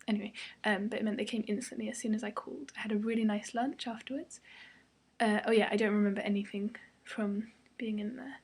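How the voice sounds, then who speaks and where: Tired, breathy young British woman vlogging. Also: medium pitch, steady tone, brisk, darkish tone. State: tired, a day after surgery. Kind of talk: casual personal vlog.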